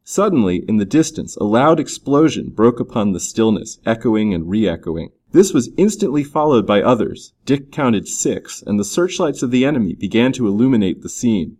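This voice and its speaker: A man narrating an adventure story in an expressive, storytelling manner. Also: medium pitch, moderate pace, few pauses. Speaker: audiobook narrator. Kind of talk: scripted narration.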